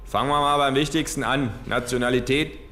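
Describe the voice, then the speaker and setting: A man's voice: medium pitch, fairly even intonation, fairly quick, bright, forceful tone, a little hiss or hum, pitched above the performer's own voice, close to an everyday voice. Man doing a blunt berlin cop, curt, echoey room. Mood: gruff blunt. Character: gruff Berlin police officers, bored and blunt.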